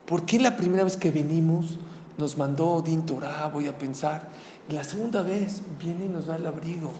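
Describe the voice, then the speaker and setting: A man's voice: on the high side, normal speed, dark tone, reverberant, long reverb tail, slight background noise, natural voice. A man voicing a protesting working husband in a sermon story. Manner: protesting, insistent. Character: working husband arguing about the coat.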